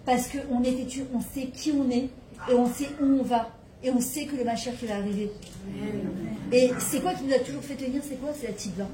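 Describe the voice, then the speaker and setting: A woman who teaches religion to women gives an impassioned spiritual talk to a gathering in a private home, posing rhetorical questions as she goes. Her high voice is steady and brisk, and the roomy recording carries background noise.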